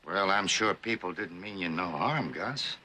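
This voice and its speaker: Deep-voiced, wheedling western townsman. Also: lively intonation, a little slow, sharp tone, husky, exaggerated voice. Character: wheedling, opportunistic male townsman. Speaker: actor in a TV western. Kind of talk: TV western drama acting.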